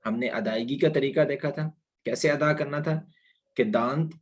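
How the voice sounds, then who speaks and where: A man teaching a Quran pronunciation lesson online, patiently explaining and repeating letter sounds slowly for students to copy. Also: mid-range voice. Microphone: online class recording.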